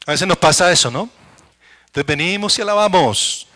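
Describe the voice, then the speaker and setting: Pastor guy preaching, bright sharp voice, kinda high, acts out the doubters all hushed. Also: expressive, normal speed. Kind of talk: sermon.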